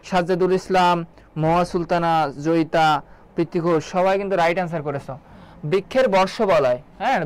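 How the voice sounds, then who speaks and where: A man's voice: high-pitched, smooth. A man teaching an online exam-prep biology class, quizzing students and repeating key terms to drill them. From Bangladesh. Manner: quick, drilling delivery.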